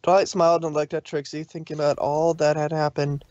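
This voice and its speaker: A woman with a low, mellow voice and little pitch movement speaks a little fast while informally hosting a show where she reads fan fiction. She mixes narrated story reading with casual chat, recorded on a dull, dry lo-fi microphone.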